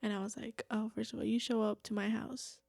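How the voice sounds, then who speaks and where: This twentysomething podcast guest speaks a little fast, her high-leaning voice marked by vocal fry, as she animatedly tells a story in casual conversation. She acts out the quoted lines and leans heavily on "like," captured in a dry, studio-quality recording.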